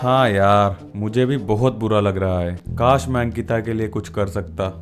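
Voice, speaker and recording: A woman's voice: extremely low pitch, animated, moderate pace. A woman voicing an earnest young man in a cartoon story, speaking in a pleading way. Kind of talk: Hindi cartoon dubbing.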